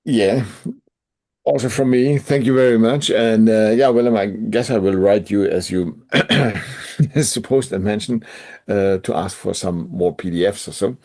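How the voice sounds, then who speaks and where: A man's voice: on the low side, unhurried. A man chatting on a video call, friendly and hesitant, laughing often between phrases. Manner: warm-hearted, laughing often, hesitant restarts. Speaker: participant in an online discussion. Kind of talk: casual chat on a video call.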